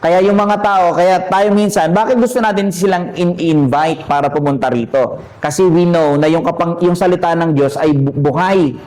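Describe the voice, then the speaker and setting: A man's voice: fairly high pitch, moderate pace, darkish tone, rough recording. A man preaching a sermon in a conversational way, asking his listeners questions and mixing English phrases into his talk. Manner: conversational, asks the congregation questions; mixes in English while preaching. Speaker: pastor.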